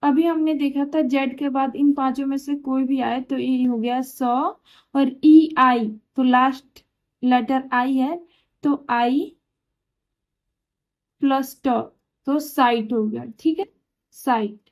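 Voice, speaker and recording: A woman with a high, slightly mellow voice explains German pronunciation rules at a slow pace with fairly even intonation. She patiently asks questions and answers them herself.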